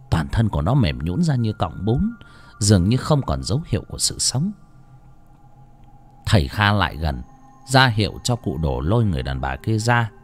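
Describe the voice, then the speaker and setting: A man narrating a story in a dramatic, expressive way. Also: lowish voice. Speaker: audiobook narrator.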